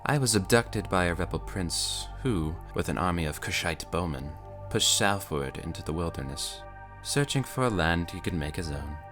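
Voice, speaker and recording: A cool, worldly young noblewoman, read by a man, calm and knowing as she tells of terrible things. The voice stays low and unhurried, in audiobook narration. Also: music in the background. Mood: ominous. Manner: calm, matter-of-fact storytelling of dread. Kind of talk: audiobook character voice.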